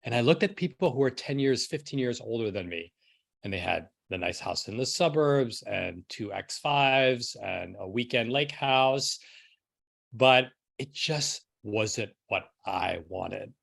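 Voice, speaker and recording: A middle-aged New Yorker, guesting on a podcast, tells his own story casually with plenty of "like" and a rhetorical "right?" His mid-range voice is gravelly yet a bit bright, expressive and unhurried.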